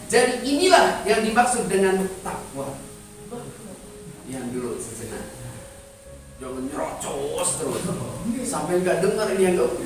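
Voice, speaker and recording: A man teaching trainees how to preach, talking emphatically and addressing them directly. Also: high voice. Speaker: Islamic preacher teaching sermon delivery. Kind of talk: instructional talk to trainees. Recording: echoey room, distant mic, music behind.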